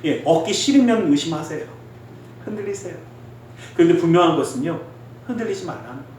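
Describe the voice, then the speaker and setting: A male pastor preaching a sermon in earnest, exhorting tones, swinging between loud emphasis and quiet asides. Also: a little high, animated, racing, a little hiss or hum. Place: church sanctuary. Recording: very echoey hall, distant mic.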